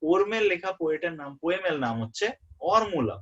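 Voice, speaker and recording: A young man tutoring a student for an exam in a relaxed way. He often checks that the student is following and repeats the key terms. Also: sits high, quick pace. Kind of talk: informal exam-prep lesson. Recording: muffled lo-fi audio.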